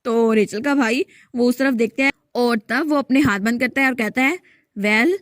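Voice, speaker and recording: A woman narrating a comic story recap in a lively, conversational way. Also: on the high side, moderate pace, no room sound, studio quality.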